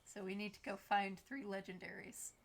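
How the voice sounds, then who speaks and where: A woman's voice: medium pitch, little pitch movement, normal speed, vocal fry. A woman giving casual, blunt, joking commentary while playing through a video game.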